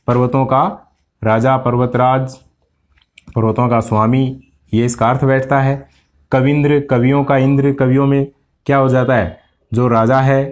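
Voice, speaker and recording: A man's voice: mid-range voice, darkish tone. Man teaching a step-by-step grammar lesson. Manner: explains step by step, asks and answers his own questions; addresses students directly. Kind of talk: exam-prep grammar lesson.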